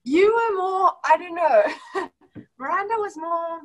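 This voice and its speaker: A young woman who was once homeschooled chats casually on a video call, her accent a blend of British and South African. Her voice is extremely high with lively intonation, and she speaks slowly. She's giggly, laughs often and uses many fillers.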